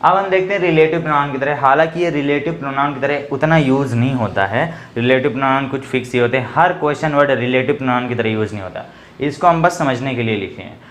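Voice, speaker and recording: A man teaching English grammar in a casual, chatty classroom style, reading English examples slowly and explaining them. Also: medium pitch, a bit bright, echoey room, a little hiss or hum. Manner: chatty, addresses viewers as bhai and bhaiya.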